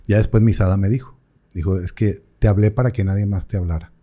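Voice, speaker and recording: Fast and dark-toned, a priest's low-leaning voice keeps fairly even intonation as he recounts a personal story in an interview. Emotion runs high, his voice sometimes rising and breaking, and he quotes other people.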